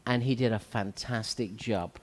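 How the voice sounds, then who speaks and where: Speaking in the role of a salon owner, a male talk show host uses a lowish, steady voice at a moderate pace. He hammers home his key points earnestly and motivationally, with frequent filler words, against a long hall reverb.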